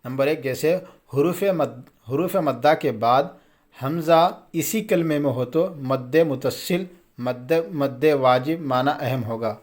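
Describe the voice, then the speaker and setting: A patient male teacher gives a relaxed Quran reading lesson in an easy, conversational voice. He quizzes his listeners, answers his own questions, and stretches each example word out slowly. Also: medium pitch. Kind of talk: casual spoken lesson.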